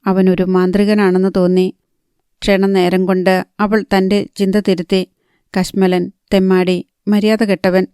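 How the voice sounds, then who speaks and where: A woman narrating a novel in a calm, even storytelling manner. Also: medium pitch, unhurried, clean tone, dry recording, clean studio sound. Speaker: audiobook narrator.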